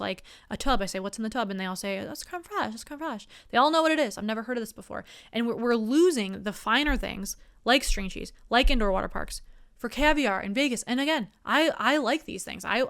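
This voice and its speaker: A woman's voice: medium pitch, a bit bright, smooth. A young woman hosting her show with a rambling, self-mocking comic monologue. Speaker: comedian host.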